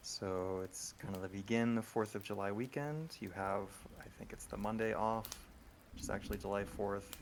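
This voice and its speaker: Low gravelly male game master on group voice chat, loose and rambling, faint hiss. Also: normal speed. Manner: relaxed, rambling, with many ums. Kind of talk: running a tabletop horror game.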